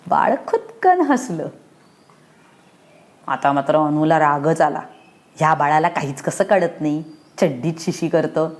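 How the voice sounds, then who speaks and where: Woman storyteller, lowish voice, reads a children's radio story and voices a whiny little girl and a calm mother. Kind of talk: scripted story narration.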